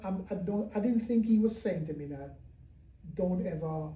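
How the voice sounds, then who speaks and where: A pastor speaks with a deep, mellow darkness in his tone, candid and halting as he reflects in an interview. His voice sits back from the microphone in a roomy space. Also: slight background noise. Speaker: pastor and gospel singer. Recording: roomy sound from a distant mic.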